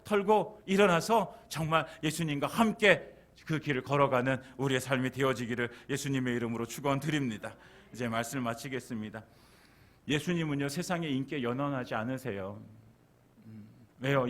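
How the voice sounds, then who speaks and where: A man preaching a sermon as pastor. He repeats key words for emphasis and acts out scolding quotes, and at times climbs to loud, high passages.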